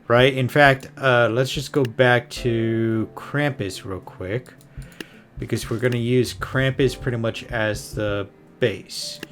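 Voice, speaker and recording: A man gives casual gameplay commentary at a slow pace, with a mid-pitched voice. He rambles and thinks aloud as he hosts, and music plays clearly behind him. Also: fairly bright tone. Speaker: gaming video host.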